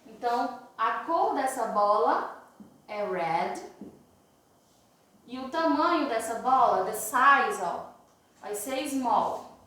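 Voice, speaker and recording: A woman with a Brazilian Portuguese accent teaches an English grammar lesson, breaking each rule down step by step. Her voice sits high, and she slows right down for every English example. The recording has a heavy room echo. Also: lively intonation, bright, forceful tone. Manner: explains step by step, reads English examples slowly. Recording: very echoey room.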